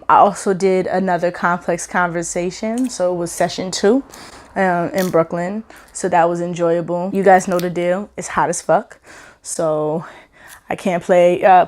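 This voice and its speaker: A vlog host talking casually at home, candid and laid-back, swearing freely. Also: medium pitch. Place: home, hot room.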